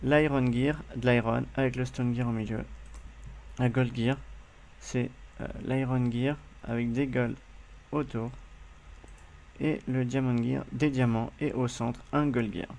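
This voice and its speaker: A man's voice: mid-range voice, steady tone, unhurried, vocal fry, a little mellow. A man with a French accent hosting a game tutorial, speaking casually with many fillers and hesitations as he addresses viewers. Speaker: gaming tutorial host.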